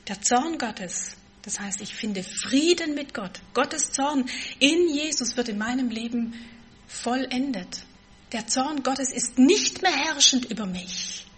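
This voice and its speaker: A woman preaching a sermon, stressing key words with force and then dropping to a soft, quiet tone. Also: a little high, a little hiss or hum.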